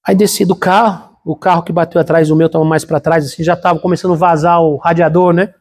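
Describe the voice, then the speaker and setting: A man's voice: a little high, little pitch movement, fast, darkish tone. A middle-aged Brazilian man, a pastor, preaching a conversational sermon with a personal story, calling the congregation brothers. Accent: Brazilian Portuguese. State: congested from a cold.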